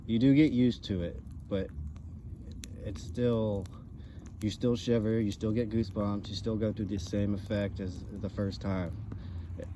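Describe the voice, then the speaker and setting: A man in a casual, halting conversational chat, speaking as a co-host. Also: on the low side. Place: outdoors by a campfire. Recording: outdoor ambient background noise.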